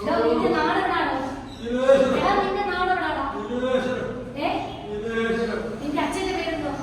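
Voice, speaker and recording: A woman playing a shop owner who scolds an intruder and repeats her commands. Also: very high-pitched. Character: stern woman shopkeeper confronting an intruder. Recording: echoey room from far off, noisy.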